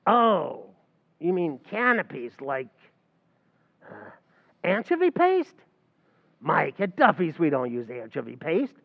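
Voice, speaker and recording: Playing a brash, scheming tavern manager who wisecracks and mangles big words, a man uses a fairly high, creaky, exaggerated voice with huge pitch swings. He takes it slowly with long pauses, in an old-time radio comedy recreation recorded with tinny, phone-like audio.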